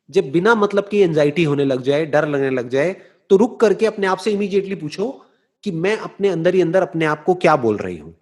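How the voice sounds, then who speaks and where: Guy with a high voice giving a motivational talk, slow and deliberate, keeps checking you're following. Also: a little mellow. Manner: slow, deliberate explaining with rhetorical check-ins; switches into English phrases. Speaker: motivational speaker. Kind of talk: explanatory talk answering a listener.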